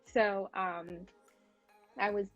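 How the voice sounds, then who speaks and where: A woman hosting a casual livestream interview, chatty and quick to laugh. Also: medium pitch, little pitch movement, faint music behind. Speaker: host. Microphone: phone livestream. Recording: dull lo-fi livestream audio.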